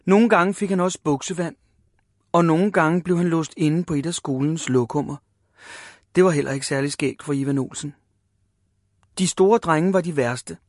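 A man's voice: on the high side, pauses often, dry recording, clean studio sound. Man reading a children's story aloud. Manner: lively storytelling, voicing the characters.

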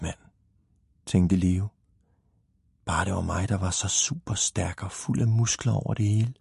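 Dyb, varm mandlig oplæser. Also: male voice, fairly low pitch, warm tone, slightly rough, no room sound, studio quality. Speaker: audiobook reader. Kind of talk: scripted narration of a children's book.

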